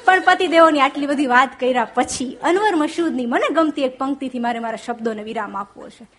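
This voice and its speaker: A woman with a Gujarati accent doing stand-up, telling jokes and stories and reciting verses slowly. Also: high-pitched, a crowd in the background, background noise. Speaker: stand-up comedian.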